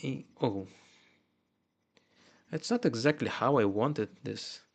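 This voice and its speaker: His voice mid-range, creaky and animated, the Russian-accented streamer narrates his live coding, halting and restarting as he mutters through the errors he fixes.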